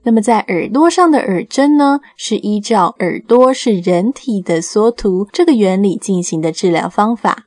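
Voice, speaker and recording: A woman presents a children's radio programme. She speaks at a middling pitch and explains things simply, as though talking to little ones. The sound is dry and close. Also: expressive, normal speed, hardly any pauses, a little mellow, no room sound.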